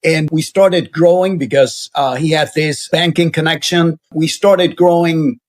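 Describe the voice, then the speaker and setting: A slightly high-voiced man speaks unhurriedly with a steady tone. He is a university center director being interviewed, telling his stories earnestly and conversationally while hesitating a lot and using many fillers.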